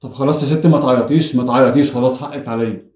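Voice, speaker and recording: Egyptian guy talking super fast, pleading and stammering, dark mellow voice, echoey room. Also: medium pitch, fairly even intonation. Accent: Egyptian Arabic. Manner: pleading, swearing oaths, stammering restarts. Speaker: vlogger pulling a prank on his wife. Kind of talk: emotional pleading, then casual joking.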